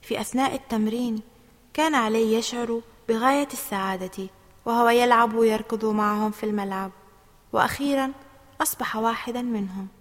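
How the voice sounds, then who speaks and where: A woman's voice: a little high, a little fast. Woman narrating a children's story, echoey. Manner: expressive, steady reading.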